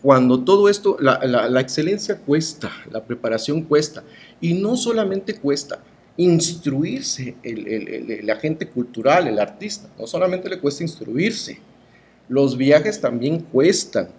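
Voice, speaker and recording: Slightly high and very animated yet unhurried, this man's voice has a darkish tone. He's a middle-aged Mexican-accented cultural promoter giving his views in an interview, emphatic and rhetorical, with frequent tag questions.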